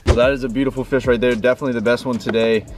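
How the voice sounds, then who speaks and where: Excitable young frat-bro fishing vlogger guy. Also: medium pitch, rapid-fire. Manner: excitable frat-bro slang, says dude, bro, baby. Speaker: fishing video host. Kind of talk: casual fishing vlog. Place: outdoors on a river.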